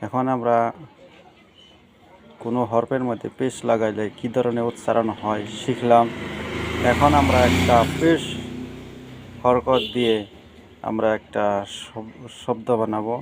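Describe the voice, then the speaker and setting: Slow, monotone man drilling letters. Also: mid-range voice, noisy background. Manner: methodical, repetitive drilling of letters and vowel marks. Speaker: Quran reading teacher. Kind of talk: slow letter-by-letter recitation lesson.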